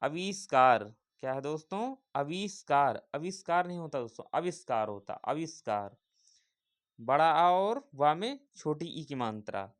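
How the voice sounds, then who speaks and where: A man's voice: a little high, animated, a little slow. A man teaching an exam-prep spelling lesson, repeating each word and asking viewers questions.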